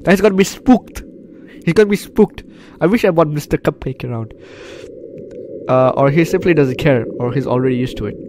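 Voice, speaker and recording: Talking fairly quickly in a slightly high, slightly mellow voice, a gaming YouTuber with the flu narrates his let's play. He reads the game's text, cracks jokes, repeats himself, and banters with characters, with a faint hiss or hum audible.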